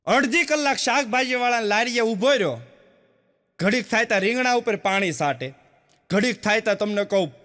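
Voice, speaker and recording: In a large hall, a man from Gujarat, India, does folksy stand-up for an audience, playing both sides of each village joke's dialogue and repeating his punchlines. His voice sits high and sounds pushed and bright, brisk with lively intonation.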